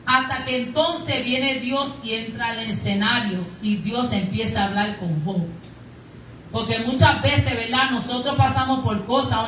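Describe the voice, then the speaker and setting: A woman's voice: on the high side, pushed and bright, slight background noise. A woman preaching a sermon in a church, telling personal testimony in an earnest, storytelling way and repeating words for emphasis. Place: church hall. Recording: echoey hall from far off.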